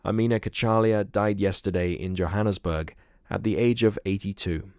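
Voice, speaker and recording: A man narrating a scripted news report as a radio reporter, in a smooth, even delivery. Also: on the low side, moderate pace, no room sound, studio quality.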